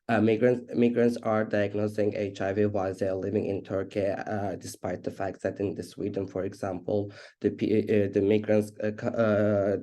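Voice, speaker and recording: With a lowish voice and dark tone, an Azerbaijani HIV activist presents a webinar by video call. His speech is full of fillers and restarts.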